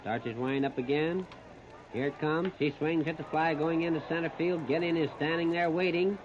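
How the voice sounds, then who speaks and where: This 1930s radio baseball caller is an American man with a fairly high, steady voice at a moderate pace. His short phrases are folksy and plain, and the disc recording sounds muffled and noisy.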